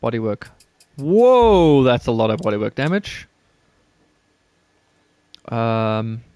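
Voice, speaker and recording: A man's voice: mid-range voice, dry recording. A man streaming a driving game, chatting casually with his viewers in a loose, rambling way, now and then swearing. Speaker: gaming streamer. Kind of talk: casual live-stream chat while playing. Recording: loud game car-engine noise under the voice. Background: rally car engine and game sounds.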